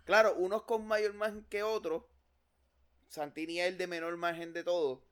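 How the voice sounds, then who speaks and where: A man's voice: sits high, fairly even intonation, moderate pace, clean tone. A man with a Puerto Rican accent co-hosting a casual political chat, blunt and swearing freely as he cuts in. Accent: Puerto Rican Spanish. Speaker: podcast co-host.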